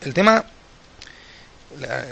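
A man's voice: medium pitch, lively intonation, extremely slow, creaky, pushed and bright. A man in a casual philosophical discussion, thinking aloud and restarting his sentences often.

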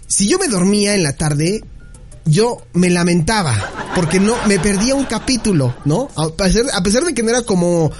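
A man's voice: sits high, lively intonation, normal speed, music in the background. A man with a Mexican accent telling a childhood anecdote in a casual, playful chat, often laughing as he talks. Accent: Mexican Spanish. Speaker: podcast co-host.

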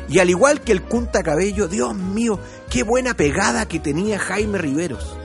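A man's voice: sits high, animated, moderate pace, vocal fry, faint music behind. A man with a Chilean accent talking football nostalgically, with enthusiastic exclamations and firm opinions. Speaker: football show presenter.

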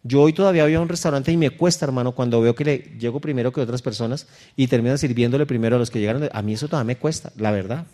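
A man's voice: mid-range voice, racing, hardly any pauses, dark tone. A middle-aged man, a pastor preaching a sermon in a conversational, storytelling way that speaks directly to his listeners.

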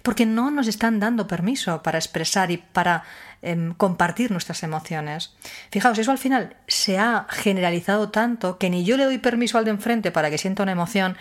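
A woman's voice: mid-range voice, brisk. A woman giving an explanatory talk on handling emotions, using rhetorical questions and firm emphasis. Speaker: speaker on emotional wellbeing.

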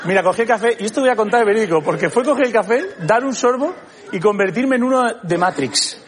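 A man's voice: high voice, lively intonation, quick pace. A man doing a stand-up comedy monologue on stage, animatedly acting out both sides of dialogues. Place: comedy stage before a live audience. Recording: live audience laughter, noisy theatre.

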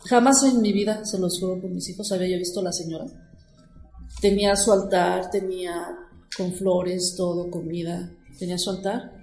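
A woman's voice: on the low side, steady tone, normal speed, creaky, a little mellow, faint music behind. Lady telling her story all worked up, lots of fillers, roomy echo on the voice. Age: middle-aged. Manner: emotional, rambling, many fillers like 'este'. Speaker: guest telling a personal story. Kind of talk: casual storytelling. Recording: echoey room.

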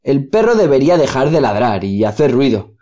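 A man's voice: mid-range voice, sing-song, brisk, mellow, lo-fi sound, natural voice. A man voicing an irritated woman who complains about the noisy dog in a read-aloud story. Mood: annoyed.

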